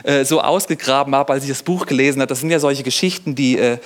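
A man preaching a sermon, retelling a bible story in a lively, conversational way with rhetorical questions and fillers. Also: medium pitch, quick pace.

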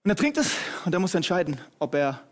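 A male preacher giving an energetic, humorous sermon, addressing the audience directly. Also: high voice, fast.

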